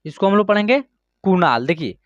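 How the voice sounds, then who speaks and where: In an online class, a man with a high, lively voice teaches Hindi reading, sounding out each word syllable by syllable and drawing words out slowly. He checks in often to make sure students are following. The recording is dry, with no room sound, and the highs are cut off.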